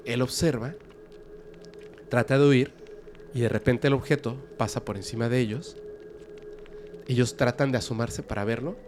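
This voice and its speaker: A man telling a dramatic story in a suspenseful, lively way. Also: medium pitch, moderate pace, long pauses, noisy background. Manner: lively, suspenseful, with sudden loud bursts.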